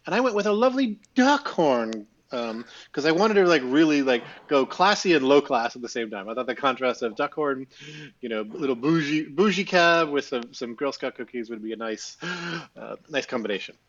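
A man's voice: medium pitch, animated, moderate pace, a bit bright, dull audio. A man chatting casually as a guest, rambling on at length. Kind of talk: casual chat.

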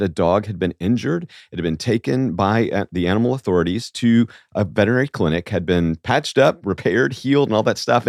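A man's voice: lowish voice, darkish tone, no room sound, clean studio sound. An American man co-hosting a podcast, speaking emphatically and directly to listeners in a slightly froggy voice. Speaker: podcast co-host, veterinarian.

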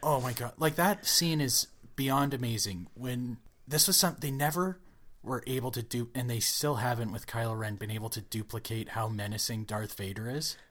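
A chatty young man in a casual podcast conversation, peppering his talk with "like" and slipping into quoted voices as he tells stories. His voice sits at an everyday mid pitch. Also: normal speed, fairly bright tone. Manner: chatty, acts out quotes, says "like" often. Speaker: podcast co-host. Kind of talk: casual chat.

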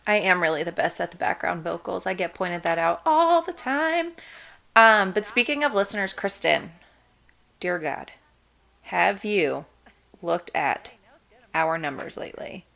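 A woman in her thirties co-hosts a casual podcast with a bright, forward tone. She is chatty, swears freely and laughs easily. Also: fairly low pitch, unhurried, gravelly. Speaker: podcast co-host.

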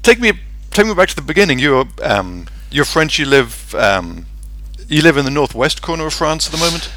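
Bright-voiced man hosting an interview. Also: fairly high pitch, sing-song, moderate pace, no room sound. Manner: friendly, asks leading questions. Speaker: podcast host. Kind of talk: casual interview conversation.

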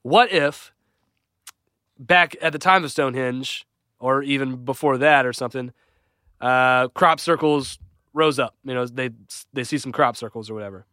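Bright, eager man in podcast chat. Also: medium pitch, moderate pace, dry recording, clean studio sound. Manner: speculative, excitable, swears casually. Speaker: podcast co-host.

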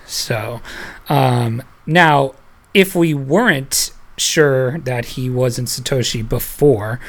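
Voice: medium pitch, slow. Rambling, laugh-prone podcast host. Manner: loose and rambling, laughs often, reads headlines aloud. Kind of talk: casual panel chat.

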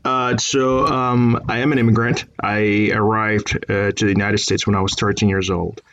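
A man in his thirties from Colombia, talking in a measured interview with many fillers. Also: lowish voice, little pitch movement, a bit bright. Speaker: guest. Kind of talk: conversational interview.

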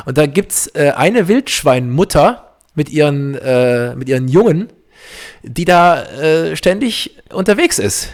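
A man's voice: fairly high pitch, lively intonation, slow pace. A man chats as a podcast host in a slightly raised voice. He rambles freely, full of fillers and restarts, and laughs easily. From East Belgium. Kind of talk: casual podcast chat. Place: podcast setup, Berlin.

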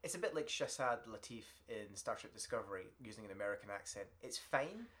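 A man's voice: on the low side, lively intonation, a little fast, a bit bright. A man hosting a casual podcast chat, rambling with fillers and frequent laughs. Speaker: podcast host.

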